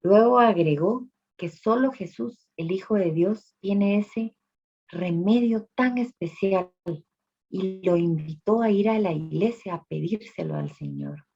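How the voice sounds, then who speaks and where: A woman telling a religious story to listeners, speaking directly to them with dramatic pauses. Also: medium pitch, lively intonation, dark tone, breathy edge. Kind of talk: emotional spoken storytelling. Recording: dull lo-fi recording.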